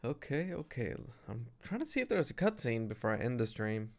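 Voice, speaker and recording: A male gaming streamer, stuffy from allergies, chatting casually and reacting loudly to the game. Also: medium pitch, big pitch swings, brisk. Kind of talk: casual gameplay commentary.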